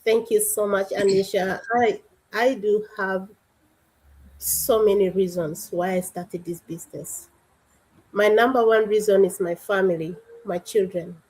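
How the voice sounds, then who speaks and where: A woman's voice: mid-range voice, steady tone, measured pace, a little mellow, slightly rough, poor audio. Woman, from South Sudan, panel guest, earnest, heartfelt, video call. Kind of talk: personal storytelling in a panel.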